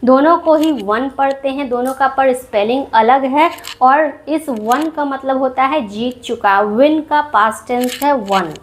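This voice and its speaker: A woman with an Indian accent, teaching English vocabulary as a channel host in slow, patient explanations that repeat each point. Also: high voice. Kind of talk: explaining English words in Hindi.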